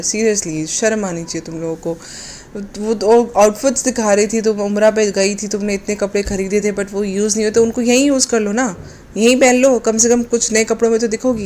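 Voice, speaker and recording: A woman's voice: medium pitch, fairly even intonation, brisk, a little mellow, a little hiss or hum. A woman talking in a sarcastic, mocking commentary vlog, slipping English phrases into her speech. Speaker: commentary vlogger.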